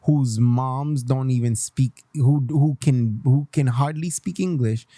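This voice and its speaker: A young Haitian man hosts a radio show casually and passionately, switching between English and Creole and repeating himself for emphasis. His voice is warm and medium-pitched, he takes it slowly, and there's no room sound.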